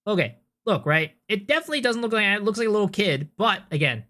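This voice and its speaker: A male game streamer reacts live in a high-pitched voice, talking quickly with a bright, forceful tone. His speech is casual and conversational, and when he gets excited he stammers and repeats words.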